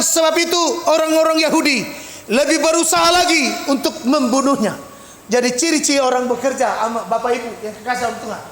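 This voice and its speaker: A male pastor with a very high voice preaches in a boomy hall where his words ring on with a long reverb. He keeps throwing questions at the congregation and now and then shouts out a line, and a faint background noise sits under it all. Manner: animated, calls out questions to the congregation; bursts into shouted exclamations. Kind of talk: sermon.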